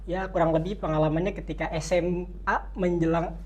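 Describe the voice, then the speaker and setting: A young podcast host with a mid-range voice leads a casual campus interview. The host talks in a chatty, loosely strung style and keeps nodding along with quick acknowledgements. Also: mid-range voice, fairly even intonation, darkish tone, highs cut off. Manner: chatty, loose phrasing, lots of short acknowledgements.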